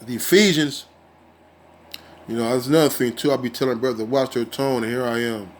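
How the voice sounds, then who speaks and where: A man's voice: mid-range voice, a little fast, slight background noise. A man teaching from scripture in a casual, heated style, reading verses and then ranting with profanity and many fillers, often ending his phrases with "man". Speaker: street preacher.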